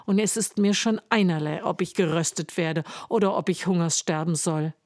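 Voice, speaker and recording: A woman's voice: lowish voice, moderate pace, darkish tone, no room sound, studio quality, lightly acted. Brief: woman reading as earnest, polite young boy, fairy tale. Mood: pleading. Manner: polite, pleading.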